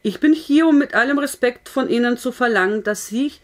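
A woman's voice: medium pitch, moderate pace, close to an everyday voice. A woman voicing a stern male army captain who speaks firmly and keeps his tone neutral. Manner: firm and loud, careful to sound neutral.

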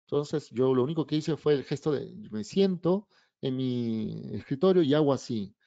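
A man's voice: mid-range voice, moderate pace, creaky, no echo, muffled recording. A middle-aged children's author giving an anecdotal talk, acting out the dialogue in his stories. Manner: animated storyteller acting out dialogue.

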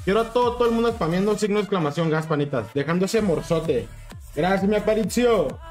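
A man's voice: high-pitched, lively intonation, fast talker, darkish tone, soft background music. A young man with a Mexican accent, streaming a game and chatting with viewers in a hyped, slangy way. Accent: Mexican Spanish. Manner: hyped, slangy, keeps urging chat. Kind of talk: casual livestream chat with viewers.

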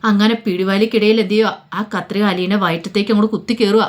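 A woman's voice: mid-range voice, steady tone. A woman narrating a dramatic story in a casual, colloquial way. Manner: rapid, casual retelling.

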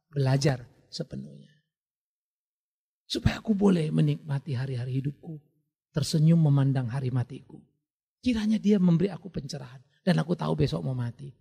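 A man preaching a sermon in a gravelly, husky voice pitched somewhat high. He swings from shouted bursts to hushed, close asides. The sound carries a long church-hall reverb. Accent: Indonesian. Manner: animated preaching with sudden loud bursts and quiet drops. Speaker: pastor.

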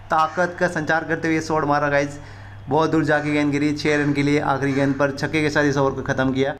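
Excited man doing higher-pitched cricket commentary. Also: slight background noise. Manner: repetitive, addresses viewers often. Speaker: gaming streamer commentating.

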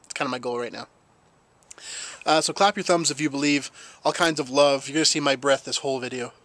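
A man's voice: mid-range voice, fairly quick, a bit bright, no room sound. Rambling young man vlogging. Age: young adult. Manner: rambling, jokey, repeats phrases. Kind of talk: casual vlog chat to camera. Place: outdoors in a snowy backyard in winter. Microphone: handheld camera at arm's length.

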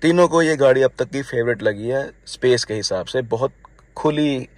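Slightly hoarse man chatting in a car. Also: mid-range voice, moderate pace, no echo. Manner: chatty, mixes English phrases into his talk, addresses viewers as friends. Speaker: car owner reviewing his new car. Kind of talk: casual spoken car review. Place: inside a car.

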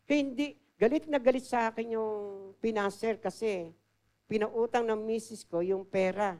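A woman preaching a sermon as an assistant pastor. She tells stories in a conversational way, drops English phrases into her talk, and often moves between loud and soft. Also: a little high, unhurried. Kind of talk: storytelling sermon.

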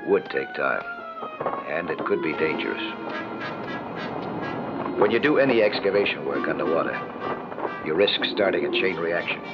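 A calm diver narrator with a very deep voice that still moves a lot in pitch. His voice-over is measured. Loud music runs under the dull, lo-fi old TV sound. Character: adult male diver narrating his own story. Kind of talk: scripted first-person voice-over narration.

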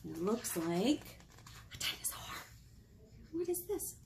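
Reading picture books for a children's storytime, a librarian in her thirties sounds lively and sing-song, with whispered moments. Her mid-range voice is a little slow and has vocal fry. She's captured close on a webcam in a small room.

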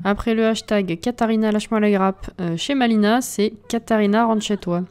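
A woman streamer at home speaks into a desk mic with a mellow, dark tone. She comments casually on her game and grumbles at the characters on screen, sounding fed up. Her pitch sits in the middle range. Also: steady tone, normal speed, clean tone. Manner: exasperated, talks to game characters. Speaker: let's play host.

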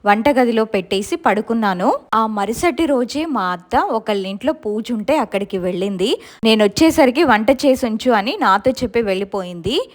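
A woman narrates a first-person ghost experience in an earnest, recounting manner. Her voice sits a little high. She tells the story straight through in an even, steady way.

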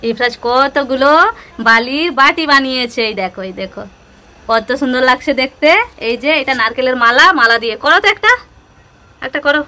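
A woman's voice: high voice, brisk, pushed and bright, rough recording. A young woman filming her children, playfully teasing them and narrating to viewers. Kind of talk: casual family vlog narration.

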